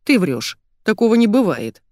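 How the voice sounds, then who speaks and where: A woman's voice: medium pitch, very animated, moderate pace, dark tone, dry recording, studio quality, voice pushed up, close to an everyday voice. A woman reading an audiobook, voicing a plump, self-pitying married woman who whines and complains. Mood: startled. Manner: whining, plaintive.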